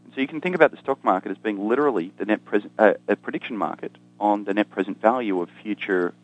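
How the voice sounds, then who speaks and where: Fast and on the low side, an Australian male economist talks through ideas as a guest in conversation. Expect dry self-deprecating humor, lots of ums and restarts, and a rough recording.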